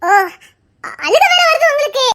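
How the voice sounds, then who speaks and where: பெண், மிக உயர்ந்த குரலில் கெஞ்சுகிறாள். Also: female voice, very high voice, very animated, moderate pace, fairly bright tone, a little hiss or hum. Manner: pleading, laughs and whines while coaxing. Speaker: wife in a couple vlog. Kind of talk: casual couple prank chat.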